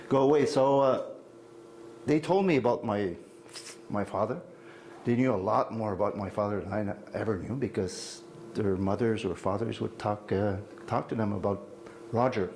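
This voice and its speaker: A man's voice: fairly low pitch, a little hiss or hum. Older man giving a rambling family-history talk. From Quebec City, Canada. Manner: rambling, warm personal asides, many fillers and restarts. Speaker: guest speaker on family genealogy. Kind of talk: informal lecture. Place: meeting hall with an audience.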